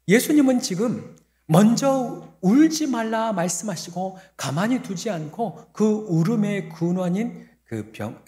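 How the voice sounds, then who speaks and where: Pastor guy preaching, kinda high voice, big echoey church hall, gets loud then soft again. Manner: builds to loud emphatic peaks, then drops soft. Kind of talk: sermon.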